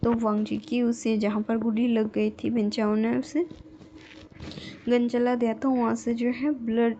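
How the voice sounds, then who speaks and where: A woman's voice: fairly high pitch, little pitch movement, unhurried, dark tone, muffled recording, a little hiss or hum. A woman retelling a story casually, rambling with many filler phrases. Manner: meandering, lots of filler phrases.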